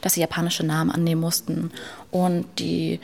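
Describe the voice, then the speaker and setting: A young woman talking quickly in a casual interview about her plans and a school talk. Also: lowish voice, monotone, gravelly, a little mellow. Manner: rapid, talkative.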